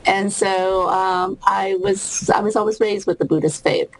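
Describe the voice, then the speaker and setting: A woman from Burma, a cardiologist and author, talking as a guest over a video call, thoughtful with many pauses and restarts. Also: medium pitch, fairly even intonation, rough recording.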